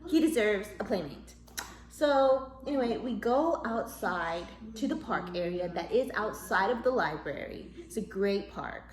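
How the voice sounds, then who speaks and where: A woman's voice: a little slow, hardly any pauses. A woman vlogging about parenting, telling a story to the camera in a casual, chatty way and acting out what people said. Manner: lively, acts out quoted dialogue in a higher voice. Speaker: mom vlogger giving parenting tips. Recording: echoey room.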